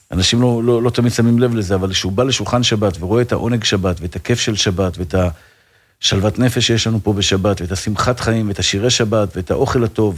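Earnest man, slightly low voice. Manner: earnest, fervent, full of religious phrases and restarts. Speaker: rabbi. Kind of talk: casual interview talk.

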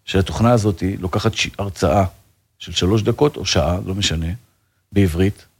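A rabbi talking in an interview, earnest and fervent, with frequent religious phrases and restarts. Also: male voice, sits low, husky. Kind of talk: casual interview talk.

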